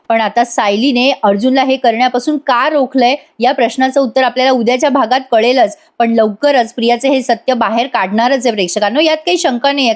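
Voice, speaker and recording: Woman, high voice, fast voice-over recap, talks straight to viewers. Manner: fast storytelling, addresses the audience directly. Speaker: serial episode reviewer.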